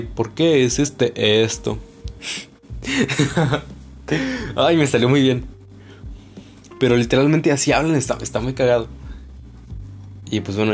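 A man's voice: mid-range voice, darkish tone. Rambling young man with northern Mexican accent. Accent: northern Mexican, Juárez. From Ciudad Juárez, northern Mexico. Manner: rambling, loose slangy talk with many "este" fillers. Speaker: podcast host. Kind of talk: casual solo podcast chat.

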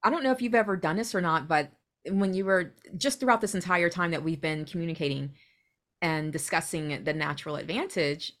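Low-voiced woman hosting a podcast. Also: brisk, a bit bright. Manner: supportive, rambling, thinks aloud with many restarts. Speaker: podcast host. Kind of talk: casual podcast conversation.

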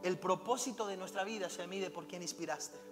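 A man's voice: high-pitched, fairly quick. A man preaching a fervent, exhorting sermon and weaving in personal anecdotes, heard in a reverberant hall with music playing. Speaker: pastor.

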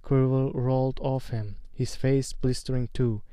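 A man reading a fantasy novel aloud in a slow, measured, dramatic way. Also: medium pitch, fairly even intonation, dark tone, no echo. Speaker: narrator.

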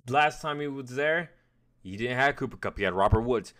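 A man's voice: mid-range voice, normal speed, a bit bright, clean tone. A man co-hosting a casual sports podcast, rambling and restarting his phrases, swearing now and then. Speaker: podcast co-host.

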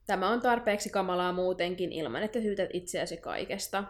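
A young woman co-hosting a casual podcast, recapping a book chapter with animated, laughing, exaggerated despair. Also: fairly low pitch. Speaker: podcast co-host.

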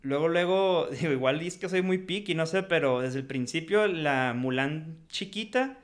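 A man's voice: fairly high pitch, normal speed. A man with a Mexican accent co-hosting a podcast, giving a frank, slangy film review and laughing often. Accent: Mexican Spanish. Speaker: podcast co-host. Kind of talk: casual film review chat.

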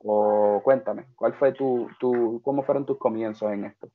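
A man interviews a guest in a friendly, chatty way, with plenty of fillers between his questions. His voice sits at an ordinary pitch. It comes through a narrow, phone-like band. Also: steady tone, measured pace. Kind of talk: casual interview chat.

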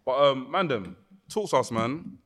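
A man's voice: mid-range voice, animated, moderate pace, long reverb tail, noisy background. A man with a London roadman accent and heavy street slang, casually hosting and hyping up guests on a podcast. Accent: London, urban street slang. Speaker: podcast host. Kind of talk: casual hype introductions of guests.

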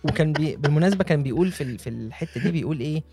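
A man's voice: a little high, rapid-fire, a little mellow, soft background music. A man with an Egyptian accent in casual comic chat, with a teasing, mock-aggrieved way of talking.

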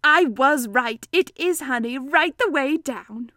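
A woman voicing Pooh, a gentle pondering bear. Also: high-pitched, expressive, no echo, studio quality, heavily acted. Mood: musing. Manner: pondering, hesitant, drawn-out. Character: slow-thinking, honey-loving male bear, gentle and naive. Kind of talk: children's storybook character voice.

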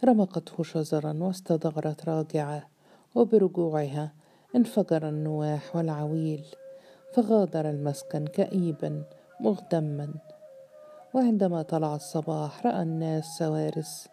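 A woman reads a novel aloud in a steady, measured storytelling manner. Her voice is low and very dark, soft and mellow, with faint music running underneath. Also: vocal fry. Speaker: narrator. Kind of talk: audiobook novel reading.

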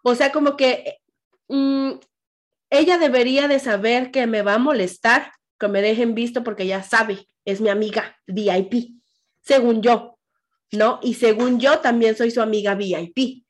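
A middle-aged woman with a Mexican accent, hosting a podcast and chatting casually in an animated way, with lots of fillers and quoted asides. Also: a little high, a little slow. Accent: Mexican Spanish. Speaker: podcast host. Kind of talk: casual chat.

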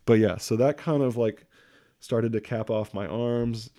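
A man's voice: mid-range voice, a little slow, dark tone, no echo, studio quality. A young man telling stories in a casual chat, rambling and slangy, packing every sentence with fillers and swearing. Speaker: guest telling tattoo stories.

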